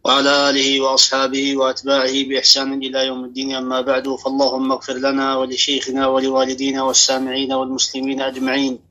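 A man reading a classical text aloud to his teacher in a steady, formal recitation. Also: mid-range voice, racing, few pauses, dull audio.

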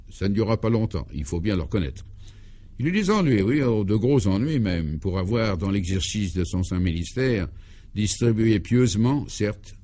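A man narrating a comic radio serial in a droll, mock-solemn way, dropping his voice low on the punchlines. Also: warm tone, a little hiss or hum.

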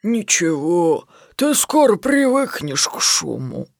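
Woman voicing an old grumbling basset hound. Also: big pitch swings, a little mellow, no room sound, clean studio sound. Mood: drowsy. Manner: grumbling, drawn-out. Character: old male basset hound, grumpy yet kindly. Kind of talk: storybook reading.

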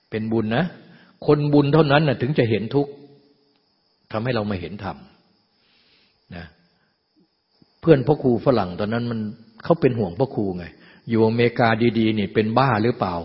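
A Buddhist meditation teacher, a man, gives a loose, conversational dharma talk and keeps firing rhetorical questions at the room. His voice is husky. The recording is dull and lo-fi, with a long reverb trailing off each phrase. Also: mid-range voice.

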